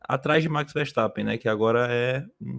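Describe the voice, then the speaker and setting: A man's voice: medium pitch, moderate pace, gravelly, fairly bright tone. A man with a Brazilian accent, a regular chatting casually on a sports podcast.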